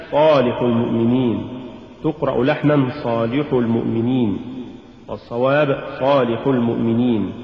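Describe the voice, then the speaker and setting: A man teaching Quran recitation, measured and methodical, contrasting wrong and right readings and chanting short verse examples. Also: mid-range voice. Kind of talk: recitation lesson. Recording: echoey hall, muffled lo-fi.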